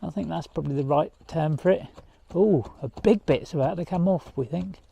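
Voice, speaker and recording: A man's voice: on the high side, a little fast, creaky, dark tone. A man, out of breath, talks casually from scaffolding outside a house. His commentary has dry, self-deprecating humour, with a faint background noise around him. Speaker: vlogger working on a house renovation. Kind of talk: casual chat and on-the-spot commentary. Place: outdoors up on scaffolding.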